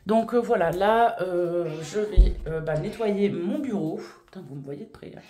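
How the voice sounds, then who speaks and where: A woman's voice: lowish voice, normal speed, warm tone. A woman vlogging at home in casual chat, rambling with many fillers and restarts. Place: at home, indoors. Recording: echoey room.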